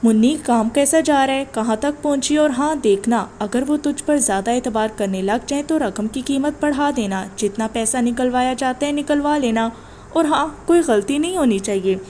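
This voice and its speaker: A woman's voice: high voice, mellow, natural voice. A greedy, scheming uncle, voiced by a woman reading a novel, brusque and demanding. Faint background hiss sits under the voice.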